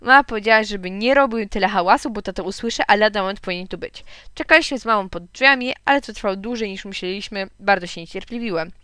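A woman narrating a children's storybook in a lively, expressive way. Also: medium pitch, fast talker, clean tone, no room sound, studio quality. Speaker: audiobook narrator. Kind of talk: storybook reading.

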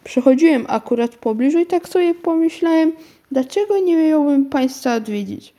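A woman's voice: sits high, animated, normal speed, mellow, voice pushed up. A woman voicing a cheerful adult male postman in a storybook reading, chatting jovially.

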